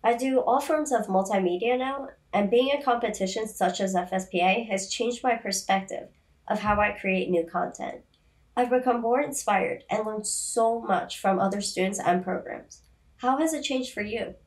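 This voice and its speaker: A teenage girl hosts a student podcast, reading her lines with upbeat energy. Her voice sits at a middle pitch. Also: moderate pace. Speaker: podcast host. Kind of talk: scripted podcast interview.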